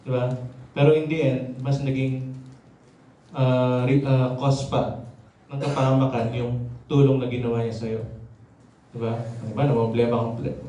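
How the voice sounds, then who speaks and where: A man's voice: medium pitch, dark tone. A slightly out-of-breath man preaching a conversational sermon, checking in with the congregation often. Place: church hall. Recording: very echoey, from a distance.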